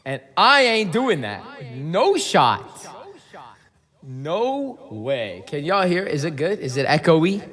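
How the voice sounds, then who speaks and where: A young man with a slightly lost, somewhat worn voice hosts a casual crypto trading livestream, joking with chat, rambling and breaking into singing. He speaks slowly, his bright-ish, high-leaning voice swinging widely in pitch.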